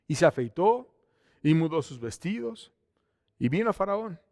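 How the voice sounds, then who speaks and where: A pastor delivers an emphatic sermon in a fairly high voice for a man. He rises to loud exclamations, then drops to hushed, intimate asides. The sound is close and dry. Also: very animated, normal speed, no echo. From Mexico. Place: church.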